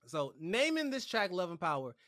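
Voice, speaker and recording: A married man hosting a casual podcast interview, friendly and quick to laugh while asking questions. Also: sits high, sing-song, a bit bright, no echo, clean studio sound. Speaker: podcast host.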